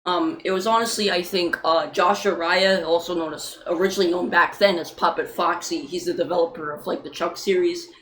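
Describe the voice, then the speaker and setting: A woman's voice: fairly low pitch, steady tone, brisk, hardly any pauses, a bit bright, slight background noise, poor audio. A young woman, an indie game developer, chatting loosely in a livestream Q&A with many fillers and casual swearing.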